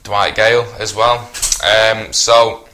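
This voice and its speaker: A man's voice: fairly low pitch, level tone, slow pace, bright, forceful tone, a little hiss or hum. A man co-hosting a casual football chat, joking and teasing his co-host as he talks transfers.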